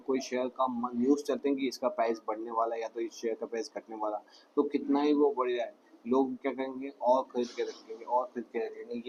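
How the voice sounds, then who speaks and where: A man's voice: mid-range voice, a little mellow. A male commerce teacher talks through a lecture, posing questions to his students and answering them himself. He hammers key phrases again and again until they stick. The recording sounds a little muffled, with a faint hiss behind him. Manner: calls students "beta". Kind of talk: classroom lecture.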